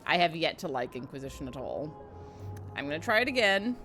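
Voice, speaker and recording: A woman's voice: low-pitched, big pitch swings, fairly quick, pushed and bright, soft background music. A woman casually commenting while playing a game, chatty and wry, now and then swearing. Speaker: let's play streamer.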